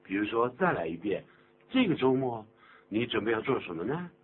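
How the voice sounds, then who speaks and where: A man teaches English on the radio as the program's host, explaining things patiently and joking while he exaggerates pronunciation. His mid-range voice has a breathy edge, swings widely in pitch and moves fairly quickly. The recording sounds tinny, like a phone, with a faint hum.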